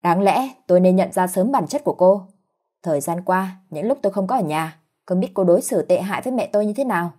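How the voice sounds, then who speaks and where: A woman's voice: lowish voice, expressive, fast, mellow. A woman voicing an angry young husband who barks orders, in a spoken story.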